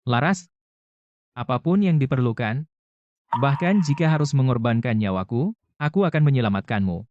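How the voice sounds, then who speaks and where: A man's voice: mid-range voice, expressive, moderate pace, lo-fi sound, background noise, close to an everyday voice. A man playing a devoted young CEO in a dubbed TV drama, speaking earnestly and pleading for his beloved. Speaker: company heir.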